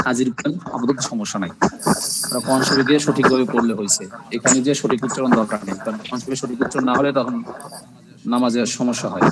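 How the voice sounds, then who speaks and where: A man's voice: mid-range voice, background noise. A man teaching Arabic grammar in an online class, repeating terms for drills and often checking with "ঠিক আছে?".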